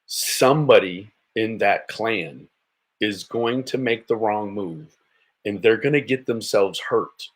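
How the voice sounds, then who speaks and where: This is an American man hosting a casual livestream commentary show, reacting in a blunt, mocking and sweary way. His voice is fairly low and husky, and he takes it slowly.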